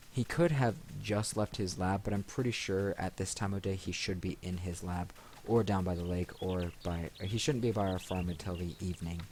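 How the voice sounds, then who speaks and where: Over video game music, a man with a low-pitched, darkish voice hosts a let's play. He speaks into a desk microphone, chatting casually about the game and thinking aloud as he goes.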